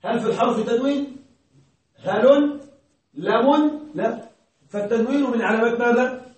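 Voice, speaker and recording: A male grammar teacher giving a classroom lesson, questioning his students, checking that they follow and repeating key words slowly. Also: very high voice. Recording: very echoey room, distant mic.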